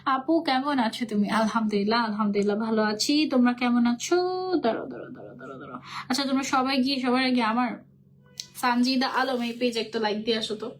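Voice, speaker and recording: A young woman hosting a casual live stream, chatting with viewers and reading their comments aloud, mixing English words into her talk, speaking into a phone with no separate mic. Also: fairly high pitch. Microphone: phone, no external mic.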